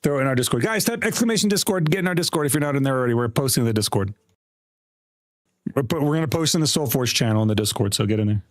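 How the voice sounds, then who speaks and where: A man hosting a livestream in loose, crude banter, his pitch swinging high and low as he talks. He laughs often and keeps the tone playful. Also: animated, very fast. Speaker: livestream host. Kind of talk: casual livestream chat.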